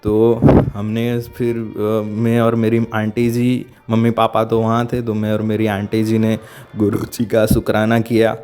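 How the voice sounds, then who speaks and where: A man tells a heartfelt personal testimony in a dark, relaxed voice. He speaks earnestly, often halting and starting sentences over as he looks for the right words. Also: on the low side, clear, resonant tone, faint music behind. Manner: halting, searching for words, frequent restarts. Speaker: devotee sharing a testimony.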